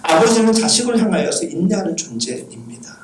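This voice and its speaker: A man pastor delivering a Sunday sermon in a soft, earnest way, posing questions to his listeners. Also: high voice, sing-song, a little fast, echoey room, slight background noise.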